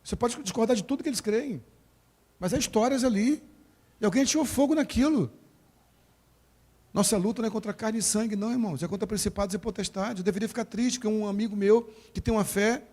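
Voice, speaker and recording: Here the pastor's voice is very high-pitched, carrying a Rio de Janeiro Brazilian Portuguese accent. During his church sermon he gets animated, acting out the voices he quotes and joking with the congregation.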